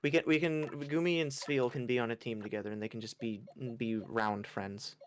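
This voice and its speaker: A gaming streamer chats casually over his gameplay in a medium-pitched, steady voice with a clear, resonant tone and moderate pace. He rambles, yawns and pokes fun at himself.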